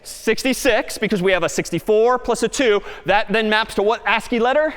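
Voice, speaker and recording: A man giving a lively university lecture, coaxing volunteers and the audience along with a brisk, energetic manner. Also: high voice. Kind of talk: university lecture with live demo.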